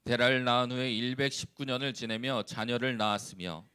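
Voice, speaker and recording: A man who is a church evangelist, leading a responsive scripture reading and then preaching calmly with frequent hesitations. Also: mid-range voice, smooth. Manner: calm, unhurried, with frequent hesitations.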